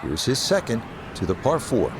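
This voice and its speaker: A man's voice: medium pitch, wildly swooping pitch, normal speed. A man playing a lead golf commentator in a video game, giving television-style commentary on play. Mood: measured. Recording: music and crowd noise behind. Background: loud music, outdoor golf crowd.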